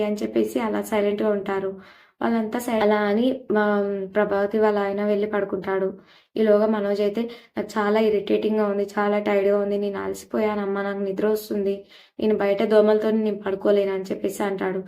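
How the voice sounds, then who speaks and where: Flat-voiced woman retelling a serial. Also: mid-range voice. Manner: plain storytelling with many filler phrases. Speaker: serial recap narrator.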